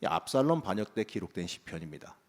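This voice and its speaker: A man with a low voice preaches in a church sanctuary where the sound rings on. His delivery is conversational and explanatory, and it often swells into emphatic bursts. The sound has the feel of an early-morning sermon. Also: big pitch swings, quick pace. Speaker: pastor. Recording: long church reverb.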